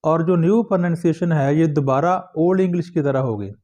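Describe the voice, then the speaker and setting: A male teacher giving a recorded lecture to students, reading English passages slowly and then explaining each one. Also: on the high side, mellow, lo-fi sound. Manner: addresses students directly.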